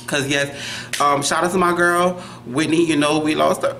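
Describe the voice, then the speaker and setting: A young man bantering casually in a celebrity impressions game, animated and switching into impression voices. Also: on the high side, moderate pace, a little hiss or hum. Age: young adult. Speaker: host of a celebrity impressions challenge. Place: indoor room in front of a plain backdrop.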